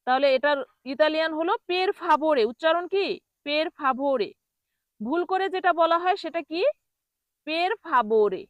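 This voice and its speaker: Woman, language teacher, high voice, slow drilling repetition, quiz questions, dry recording. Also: dry recording. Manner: repeats words slowly, quizzes the listener. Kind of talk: pronunciation lesson.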